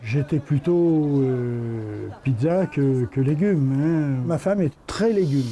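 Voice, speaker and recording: A man chatting in a relaxed, anecdotal way during a documentary interview about his eating habits. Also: medium pitch, slow pace. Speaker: hospital nutrition workshop participant.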